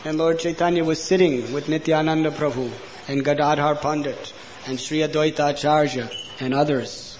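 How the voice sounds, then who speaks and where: A man telling a devotional story as a sermon, earnest, with loud emphasis that drops to hushed phrase endings. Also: fairly high pitch, fairly even intonation, moderate pace. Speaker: preacher. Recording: dull lo-fi recording with faint noise.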